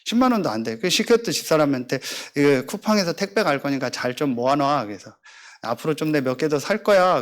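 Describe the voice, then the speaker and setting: A middle-aged male pastor, preaching a sermon and acting out the voices in his stories. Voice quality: animated storytelling, acting out dialogue in lower voice.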